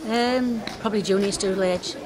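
A woman's voice: mid-range voice, moderate pace, noisy background. A middle-aged woman answering hesitantly in a street interview, often repeating herself. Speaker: passer-by interviewee. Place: outdoor town street.

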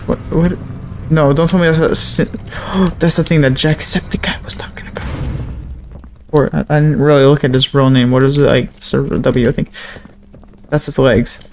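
A man's voice: medium pitch, level tone, brisk, darkish tone, a little hiss or hum. A man giving casual gameplay commentary, reacting and talking aloud to the game as host. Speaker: gaming video host.

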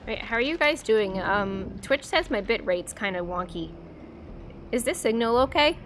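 Speaking at a moderate pace with lively intonation, a young woman with an American accent from the US East Coast giggles and chats with viewers as she plays a game on stream. Her fairly bright voice is on the high side, and she leans on many fillers. A little hiss or hum is audible.

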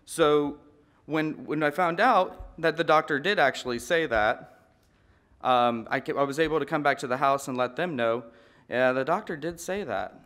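A man's voice: fairly high pitch, moderate pace, fairly bright tone. A man in his thirties giving an earnest, conversational breakout talk from a podium microphone in a large conference hall, often repeating words as he restarts sentences.

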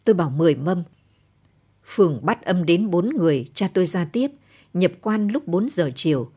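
A woman with a Northern Vietnamese accent reading a short story aloud in a calm, even late-night storytelling manner. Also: on the low side, normal speed, husky. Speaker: story reader. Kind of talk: scripted narration of a short story.

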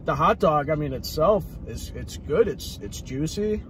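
A man's voice: on the high side, lively intonation, unhurried. A young man co-hosting a food review vlog, chatting casually and laid-back while talking with his mouth full of food. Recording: noisy with street traffic behind.

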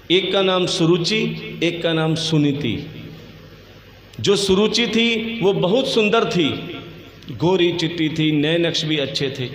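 A male religious storyteller giving a devotional sermon at a village gathering, fervent and addressing listeners as dear ones over a PA microphone. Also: sits high. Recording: echoey hall with long reverb.

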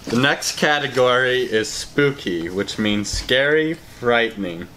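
A young adult man hosting an amateur game show with halting host patter, recorded in a room at home. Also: medium pitch, animated, sharp tone. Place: furnished home games room, indoors. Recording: clearly noisy room recording.

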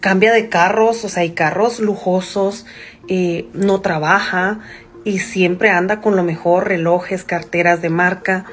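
A woman's voice: lowish voice, fairly even intonation, measured pace. A woman telling a first-person story in a conversational way, with fillers and small restarts. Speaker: narrator of a viewer's story.

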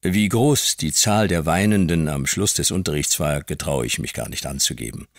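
A man narrating a classic novel in the first person as an audiobook reader, calm and measured. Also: a bass voice, gravelly, dry recording, studio quality. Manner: calm storytelling.

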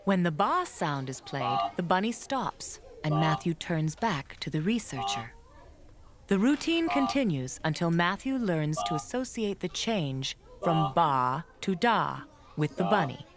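A woman narrates a documentary from a script in a fairly low voice. Her delivery is measured and explanatory, with very lively intonation. Voices can be heard clearly in the background. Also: crowd noise.

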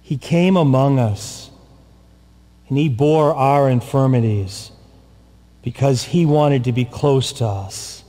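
Speaking from the pulpit, an older priest gives a deliberate, solemn sermon at a slow pace, leaning on repetition and long silences. He has a mellow, mid-range male voice. The big church lends the audio a long echo, recorded through a pulpit mic and a far camera.

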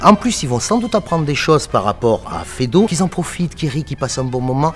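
A man's voice: mid-range voice, very animated, fairly quick, fairly bright tone, faint music behind. A man in his forties, a theatre director, talking enthusiastically and emphatically in an interview. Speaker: theatre company artistic director. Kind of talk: interview talk. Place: seated in an empty theatre auditorium.

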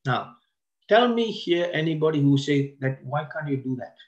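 The audio is dull, and the man's voice is on the high side with a sing-song lilt as he lectures at a wealth seminar. He slows on key words for emphasis and keeps breaking off and restarting sentences.

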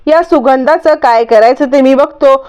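A woman's voice: high-pitched, moderate pace, darkish tone, lightly acted. A woman voicing a confident grown son who reassures his mother in a matter-of-fact way, on a dull lo-fi recording. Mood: reassuring.

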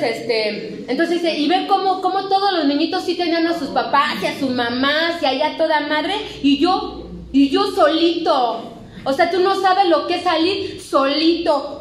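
Profane, high-voiced Mexican woman. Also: moderate pace, echoey room, slight background noise, poor audio. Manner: blunt and profane, emotional storytelling. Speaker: psychologist speaking at a recovery clinic. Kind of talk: candid testimony talk to a recovery group. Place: meeting room at a rehab clinic.

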